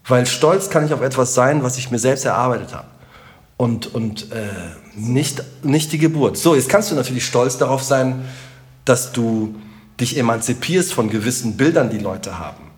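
A middle-aged man with a Rhineland German accent, a comedian chatting as a podcast guest in an animated, joking and emphatic way. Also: mid-range voice, normal speed. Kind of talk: casual podcast conversation.

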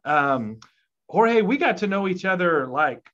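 A man's voice: high-pitched, sing-song, measured pace, a bit bright. A man hosting a church conversation series, asking friendly, rambling questions with fillers. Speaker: host. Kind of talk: conversational interview. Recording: dull lo-fi audio.

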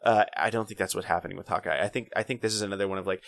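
Rambling, excitable man chatting about movies. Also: low voice, rapid-fire, vocal fry. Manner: rambling, excitable, many restarts and fillers. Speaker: podcast host. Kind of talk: casual movie chat.

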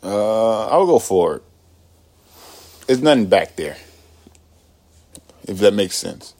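Animated man telling loose, laughing stories. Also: lowish voice, slow. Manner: animated storytelling, laughs often, swears freely. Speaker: podcast co-host. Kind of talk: casual chat.

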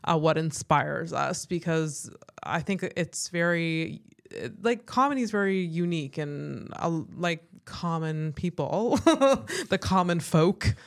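Lively, chatty woman hosting a podcast. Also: low voice, slow pace, creaky. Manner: chatty, laughs often, many fillers. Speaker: podcast host. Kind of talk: casual interview chat.

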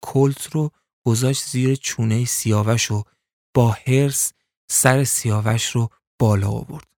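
A man's voice: medium pitch, steady tone, a little mellow, dry recording, clean studio sound. Man narrating a suspense story. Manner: colloquial, suspenseful.

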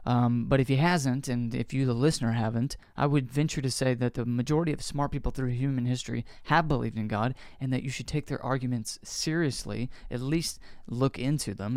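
A man's voice: mid-range voice, a little mellow, smooth, dry recording, studio quality. A man hosting a commentary show, reacting to an interview clip and arguing his points earnestly. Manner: earnest, argumentative. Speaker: host.

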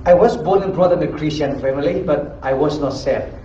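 A man from Myanmar with a Burmese accent and non-native, somewhat halting English, giving a missionary testimony to a church congregation. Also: a little high, mellow. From Myanmar, Chin State. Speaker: missionary preacher, guest speaker. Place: indoors in an echoey church. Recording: echoey room, dull muffled sound, faint noise.

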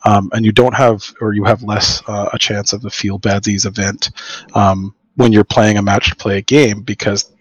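A man lays out his thinking in a casual podcast chat, earnest and full of fillers. His voice stays flat and a little husky. The sound is dry and close. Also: fairly low pitch, normal speed, no echo. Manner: earnest, explanatory, with frequent fillers. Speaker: podcast guest.

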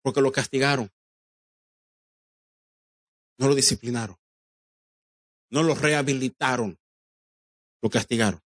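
A man's voice: mid-range voice, unhurried, pauses often, a bit bright, dry recording. Preacher guy, emphatic sermon, acts out quotes, dry close sound. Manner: emphatic preaching, addresses the congregation directly, acts out quoted dialogue; drops English phrases into Spanish. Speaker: pastor.

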